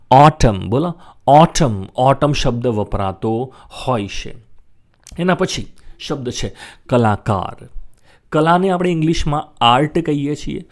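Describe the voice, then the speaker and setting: Man drilling English words slowly. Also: mid-range voice, darkish tone. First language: Gujarati. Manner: repeats each word slowly several times for practice. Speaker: English teacher. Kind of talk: vocabulary lesson with repeat-after-me drills.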